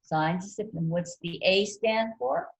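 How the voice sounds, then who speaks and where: A woman instructor lecturing a ski patrol class, relaxed and conversational, quizzing students as she goes. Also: medium pitch, a little slow, vocal fry, slightly rough, rough recording. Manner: relaxed, conversational teaching with fillers and quizzing questions.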